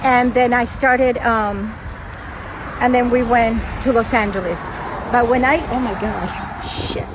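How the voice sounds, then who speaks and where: A woman's voice: a little high, fairly even intonation, measured pace. An older woman from Cuba, chatting playfully while walking outdoors, slipping in Spanish as she vlogs. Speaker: vlogger. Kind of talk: casual walking vlog chat. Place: outdoors on city streets, walking. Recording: street traffic noise behind.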